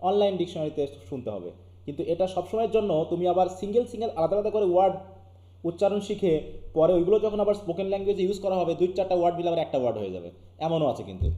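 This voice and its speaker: Brief: Bangladeshi male teacher, quick patter, mellow dark tone, quizzes the class often. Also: sits high, roomy sound. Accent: Bangladeshi Bengali. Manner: keeps asking students questions. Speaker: English teacher. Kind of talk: live online class lecture.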